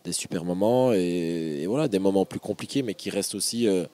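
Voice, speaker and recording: A man's voice: sits low, fairly quick, warm tone. A man, a tennis coach answering interview questions thoughtfully, often repeating words as he searches for them.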